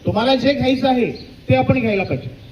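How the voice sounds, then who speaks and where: Male children's storyteller with a high voice, who quizzes his young listeners and repeats key words; slightly dull recording. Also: quick pace, slight background noise. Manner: asks the listeners questions and answers them himself, repeating key words.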